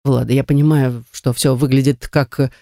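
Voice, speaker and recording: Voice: mid-range voice, steady tone, moderate pace, gravelly, dark tone, dry recording, pitched below the performer's own voice, natural voice. A reader voicing a cowardly young man caught cheating, whining and pleading in a dry, close audiobook recording. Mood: pleading whiny. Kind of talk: audiobook character voice.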